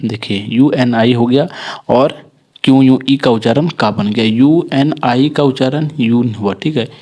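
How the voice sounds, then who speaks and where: A man teaching English pronunciation rules, explaining each rule and spelling out example words slowly, often stopping to correct his own slips. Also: mid-range voice, a little mellow. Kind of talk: spoken phonics lesson.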